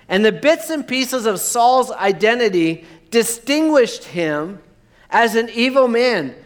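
A man preaching a sermon, measured and emphatic, slowing down on key words. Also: high voice. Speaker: pastor.

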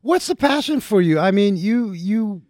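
Male radio host, higher voice, very animated, informal, exclamatory, casual talk. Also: moderate pace, no room sound, clean studio sound. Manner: informal, exclamatory, punchy asides.

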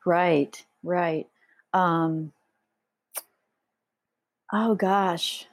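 A woman author reads her own essays aloud and then talks about them, reflective and a little hesitant between thoughts. Her voice sits slightly low. The sound is dry and close, with no room around it. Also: steady tone, extremely slow, no room sound. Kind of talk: reading aloud and interview talk.

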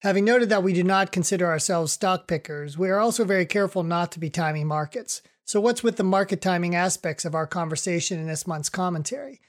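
An investment adviser reading a scripted financial commentary in a formal, measured and careful way. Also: medium pitch. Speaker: investment adviser giving monthly market commentary.

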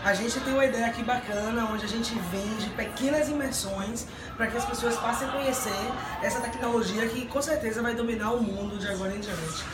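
A woman's voice: a little high, brisk, hardly any pauses. A woman, informally explaining and promoting a business in a casual on-camera interview. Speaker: virtual reality business representative being interviewed. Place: busy indoor airport stand. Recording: roomy airport sound with clear music behind.

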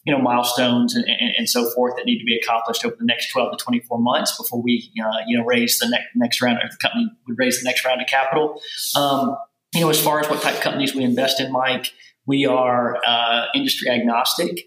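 A man in his forties with a Southern Kentucky accent, talking casually as an interview guest, halting and full of filler words. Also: mid-range voice, little pitch movement, a bit bright. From rural Kentucky. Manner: halting, heavy use of "you know" fillers and repeated words. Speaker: venture capital guest. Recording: roomy echo.

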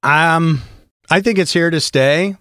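Middle-aged male guest, chatty storyteller, slightly high voice, dry recording. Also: slow pace, clear, resonant tone, dry recording. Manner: animated, storytelling, frequent restarts. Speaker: podcast guest, voice actor. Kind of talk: casual conversation.

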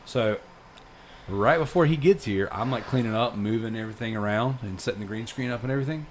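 A man in his thirties hosting a podcast, telling a long story in casual chat, rambling and animated with plenty of fillers. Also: lowish voice, a little fast, a little hiss or hum. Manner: rambling and animated, lots of fillers like dude and freaking. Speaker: podcast host.

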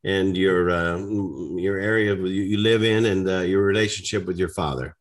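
A man hosting an interview, relaxed and leaning on fillers as he talks. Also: low voice, normal speed. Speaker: interview host. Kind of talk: conversational interview.

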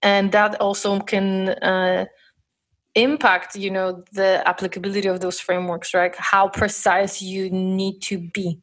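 A woman's voice: medium pitch, flat delivery, unhurried. A woman co-hosting a podcast, talking through a legal topic in a thoughtful, hesitant way with many fillers. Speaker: podcast co-host. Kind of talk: casual expert discussion.

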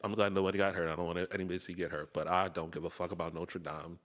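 A man's voice: deep voice, little pitch movement, fast talker. A man with an American accent bantering about the news as a podcast co-host, sarcastic, irreverent and given to repeating himself and swearing.

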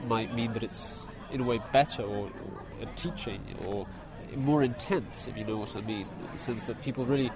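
A man's voice: medium pitch, normal speed, hardly any pauses. A male reporter asking long, rambling interview questions. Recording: outdoors with crowd and music.

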